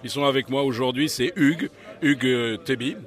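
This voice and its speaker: A man's voice: medium pitch, brisk. A man interviewing two performers, chatty and jokey, with plenty of fillers and wordplay. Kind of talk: casual street interview.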